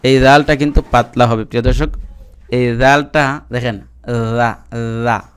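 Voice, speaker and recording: A man teaching Quran reading, chanting verses slowly and then explaining the rules in quick Bengali. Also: mid-range voice, steady tone, smooth. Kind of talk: spelling-out lesson with recitation.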